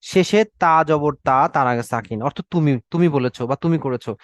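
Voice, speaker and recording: A man's voice: on the high side, moderate pace, no echo. A young man teaching an online class, drilling Arabic verb forms and stopping often to ask "okay?", with English words mixed into his speech. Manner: mixes English words into Bengali.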